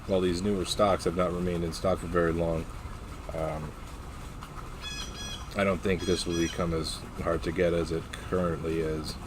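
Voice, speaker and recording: A pipe tobacco reviewer with a low voice gives a casual, unscripted review in a flat, matter-of-fact way, often pausing to search for his next word. Noticeable background noise runs under his voice the whole time.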